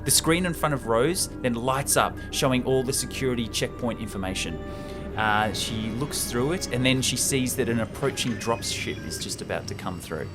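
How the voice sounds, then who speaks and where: This podcast host has a mid-range, expressive voice and a moderate pace as he narrates a film script. Loud music runs underneath while he chats excitedly and banters with his co-host.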